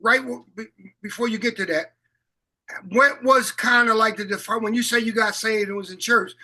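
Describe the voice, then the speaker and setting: A man's voice: high-pitched, fairly even intonation, pushed and bright. A man hosting an interview, reflecting back on his guest's story with stammered restarts. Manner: stammering, many quick restarts. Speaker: interview host. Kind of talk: conversational interview.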